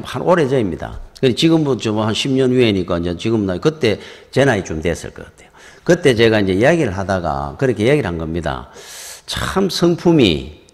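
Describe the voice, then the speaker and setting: A middle-aged man with a Gyeongsang accent, a pastor telling stories in a conversational sermon in a church. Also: on the low side. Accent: Gyeongsang Korean. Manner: storytelling, conversational and lively. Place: church sanctuary. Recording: reverberant church hall.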